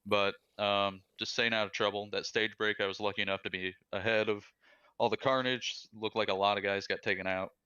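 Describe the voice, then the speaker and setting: A man, a race driver, giving a relaxed post-race interview over voice chat. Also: fairly low pitch, brisk, clean tone, muffled recording.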